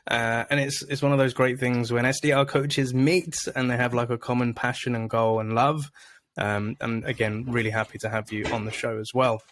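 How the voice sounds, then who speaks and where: A man's voice: mid-range voice, steady tone, moderate pace, a bit bright, no echo. A man hosting a podcast, upbeat and chatty as he introduces his guest. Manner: upbeat, chatty, many fillers. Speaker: podcast host. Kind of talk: casual interview.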